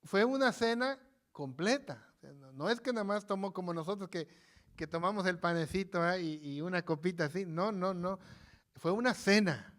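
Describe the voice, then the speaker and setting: A man's voice: high-pitched, moderate pace, fairly bright tone. A man preaching in a church, folksy and conversational, who often repeats himself and banters with his congregation. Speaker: pastor. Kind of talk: informal live sermon. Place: church sanctuary.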